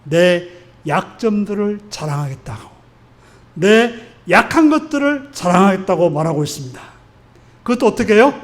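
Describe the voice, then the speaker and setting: A man's voice: high-pitched, expressive, moderate pace. A male pastor preaching a Sunday sermon in an earnest, exhorting way, putting question after question to his congregation. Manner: asks the congregation frequent rhetorical questions.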